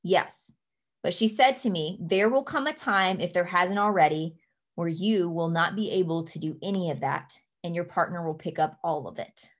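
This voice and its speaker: A young woman leading her team from a home office over a webcam, giving earnest, emphatic advice and slowing down to stress her key points. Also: lowish voice. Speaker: team leader. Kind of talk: motivational coaching talk.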